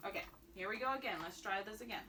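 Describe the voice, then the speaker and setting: Against a very noisy background, a sewing instructor talks at a quick pace in a mid-range voice. Spanish is her first language, and she keeps things upbeat as she explains each step of the tutorial while sewing at the machine.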